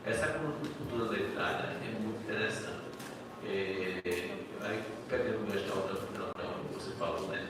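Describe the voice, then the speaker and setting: Lively professor in an echoey hall. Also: male voice, sits low, normal speed. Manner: conversational, enthusiastic, frequent restarts. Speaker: history professor. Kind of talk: informal academic talk at a panel. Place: lecture hall. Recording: echoey hall, distant mic, background noise.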